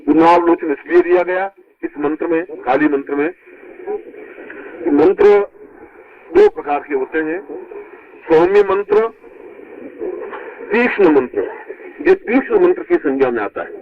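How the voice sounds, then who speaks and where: A man teaches his disciples in an emphatic spiritual discourse, heard from an old worn tape that sounds dull and lo-fi. His voice is somewhat high and gravelly. It swings widely and leaps upward whenever he presses a point. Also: animated, unhurried, pauses often. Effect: old worn tape recording.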